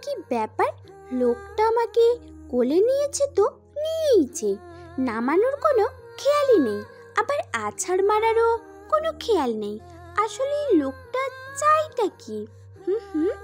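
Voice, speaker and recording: A woman voicing a feisty, sharp-tongued young woman in an audio story drama, teasing and scolding. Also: very high voice, huge pitch swings, normal speed, soft background music, exaggerated voice. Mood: puzzled.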